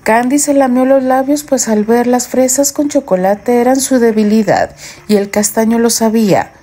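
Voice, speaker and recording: A woman narrating a romance audiobook in a gentle storytelling manner. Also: on the high side, normal speed.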